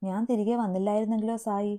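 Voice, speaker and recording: Brief: woman voicing a guilt-ridden young man in an audio story, pleading and halting, dark mellow tone. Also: medium pitch, steady tone, close to an everyday voice. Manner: pleading, broken.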